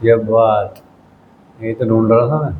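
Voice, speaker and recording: A man's voice: fairly low pitch, a little slow, narrow, tinny audio. A man teaching a physics class in casual Hindi, quizzing his students and teasing them now and then. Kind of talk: classroom lecture. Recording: echoey room with faint noise.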